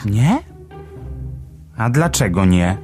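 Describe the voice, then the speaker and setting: A man's voice: fairly high pitch, huge pitch swings, measured pace, over loud music, pitched above the performer's own voice. A man voicing a curious, naive young male sparrow in a storybook, asking eager, wondering questions. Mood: wide-eyed curious.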